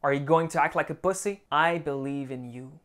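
A man's voice: fairly high pitch, brisk, fairly bright tone. A young man talks straight to his viewers in a motivational advice monologue. His delivery is blunt and peppered with profanity, like a coach giving a pep talk.

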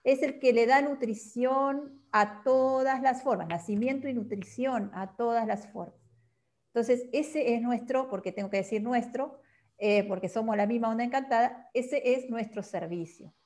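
A woman's voice: a little high, moderate pace, a little mellow. A woman, explaining patiently as a guest and often closing a point with a questioning tag. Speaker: guest teacher. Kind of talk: explanatory talk on a calendar system.

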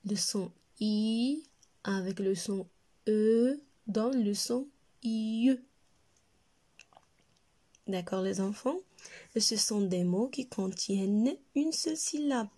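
Moroccan french lady teacher, reads real slow for little kids, says every word twice, soft mellow voice. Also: mid-range voice. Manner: slow, deliberate, repeats each word for pupils. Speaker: primary school teacher. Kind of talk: slow reading lesson for young children.

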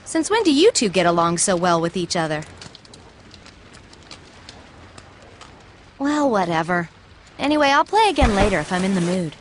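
A woman's voice: medium pitch, very animated, fast talker, a little hiss or hum, lightly acted. An actress playing a proud, testy young woman in a video game, huffy and sarcastic.

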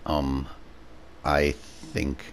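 A young man commenting on a game with a friend, swearing often and calling out tactics with excitement. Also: extremely low pitch, very slow, a little hiss or hum. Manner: profane, excitable tactical callouts. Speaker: gamer streaming with a friend. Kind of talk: casual gaming commentary.

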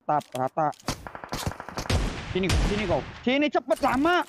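A young man in casual gaming banter, loud and teasing, swearing as he plays. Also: extremely high pitch, wildly swooping pitch, measured pace, background noise. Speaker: mobile game player.

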